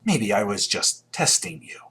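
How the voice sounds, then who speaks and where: An actor playing a cynical, self-assured veteran hunter in a video game, speaking in a dry, sardonic and menacingly casual way. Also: male voice, lowish voice, very animated, measured pace, creaky, a bit bright, heavily acted.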